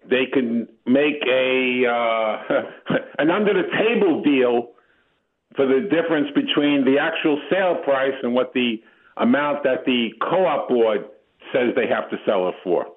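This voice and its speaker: Slow-talking man over a phone line. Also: mid-range voice, lively intonation. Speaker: caller.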